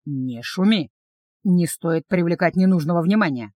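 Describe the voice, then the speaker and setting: Woman doing a smug dragon guy, low and calm, dry close sound. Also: normal speed, dry recording. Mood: stern. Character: smug, mocking male dragon bodyguard.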